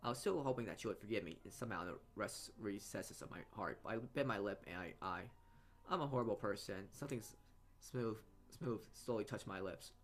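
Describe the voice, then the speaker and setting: A fairly low-pitched man with lively intonation moves briskly through visual novel narration as a let's play host, stumbling and repeating words along the way. Game music plays in the background.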